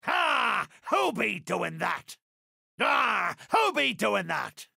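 An actor playing a boastful, vengeful pirate captain in a video game, with a raspy voice, archaic pirate dialect and theatrical, drawn-out delivery. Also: male voice, sits high, big pitch swings, bright, forceful tone, dry recording, studio quality, exaggerated voice. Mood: furious, threatening. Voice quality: gravelly, raspy. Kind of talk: video game character voice acting.

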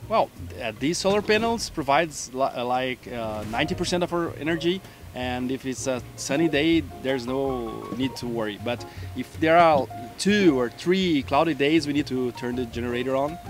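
A middle-aged man explains things haltingly, full of fillers. He speaks outdoors on a boat deck with a medium voice. Music plays clearly behind him. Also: mid-range voice. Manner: hesitant, many fillers. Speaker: boat owner interviewee.

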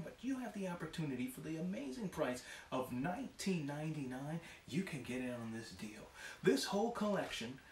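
A middle-aged man giving a hard sell ad as an infomercial pitchman, emphatic and repetitive. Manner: emphatic, repetitive salesman talk. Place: small wood-panelled office. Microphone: camera across the room. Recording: distant roomy camera sound, faint noise.

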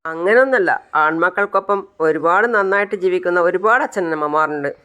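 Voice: mid-range voice, fairly quick, pushed and bright, clear, resonant tone, natural voice. A narrator playing a distrustful older man who mocks and scorns the remorseful father in a retold serial. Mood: mocking. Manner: scornful, teasing.

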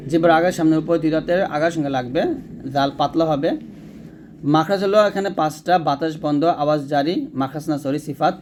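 Higher-voiced man teaching letter sounds. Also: steady tone, quick pace, darkish tone, a little hiss or hum. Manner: explains step by step, demonstrates sounds, checks in with "right?"; corrects his own slips mid-sentence. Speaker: Quran recitation teacher. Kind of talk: spoken lesson on letter pronunciation.

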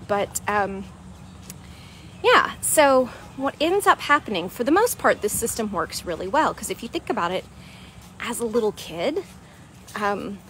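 Her medium-pitched voice has a fairly bright tone as she casually explains things in an outdoor walk-and-talk vlog at a beach park, often saying "right?" and "um." She's a weight loss coach, recorded through a wired earphone mic on a phone held at arm's length, with a little hiss or hum.

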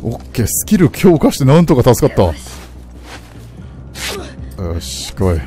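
A man commenting on a game he plays, swinging from low mutters to startled yelps. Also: sing-song, a little slow. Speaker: game streamer. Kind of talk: excited let's-play commentary. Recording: game music loud behind voice. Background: game sounds and music.

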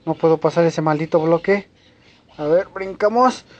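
A man's voice: a little high, normal speed, darkish tone. A man giving let's play commentary, repeating short phrases and growing easily frustrated. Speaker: gamer. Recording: dull lo-fi mic.

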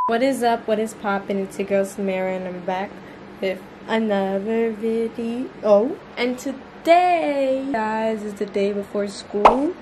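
A woman's voice: a little high, slow, background noise. A teenage girl from Boston chatting casually and slangily straight to her viewers in a vlog. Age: teens. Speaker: vlogger.

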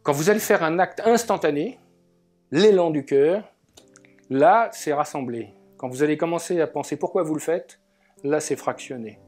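A man giving a spoken talk about inner life, musing and telling anecdotes, with pauses and filler words. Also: on the high side, darkish tone. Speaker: alchemy speaker. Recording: faint guitar music behind.

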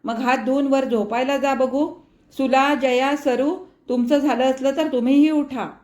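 A woman voicing a worried, gentle middle-aged mother who speaks in an anxious, soothing way, heard in an echoey room. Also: high-pitched, steady tone, unhurried, pitched above the performer's own voice.

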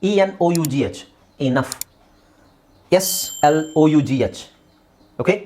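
A young man with a Kannada accent teaching English pronunciation, repeating words slowly and asking and answering his own questions. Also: a little high, dark tone. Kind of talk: spoken English lesson.

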